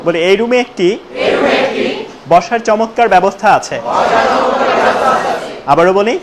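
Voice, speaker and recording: A man teaching a spoken English class, prompting students again and again and slowing right down to model each sentence. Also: high-pitched. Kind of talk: classroom lesson with call-and-response drills. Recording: loud room noise and class chatter. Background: students answering in chorus.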